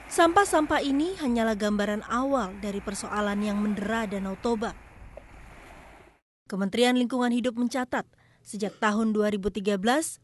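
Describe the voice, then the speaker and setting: A female news reporter giving a measured, scripted narration for an investigative report. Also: fairly high pitch, dry recording.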